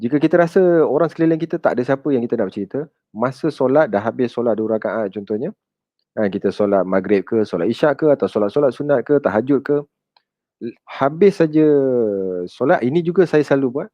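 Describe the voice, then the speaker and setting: A man's voice: mid-range voice, quick pace, dark tone, no room sound, muffled recording. A man with a Malaysian Malay accent giving a conversational counseling talk and answering audience questions. He addresses his listeners as children and mixes English words into his speech.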